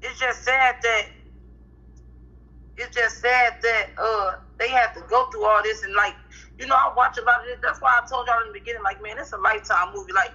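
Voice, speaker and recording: Candid bright-voiced woman in her thirties. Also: fairly high pitch, fairly even intonation, brisk. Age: 30s. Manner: candid, repeats words and restarts, slangy. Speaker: interview guest, cousin of the family. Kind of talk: casual street interview. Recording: lo-fi street recording.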